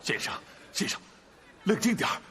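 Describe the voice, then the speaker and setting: A man's voice: moderate pace, bright, forceful tone, some chatter behind, lightly acted. An actor playing a loyal male revolutionary general in a historical drama, urgently imploring his leader. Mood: pleading.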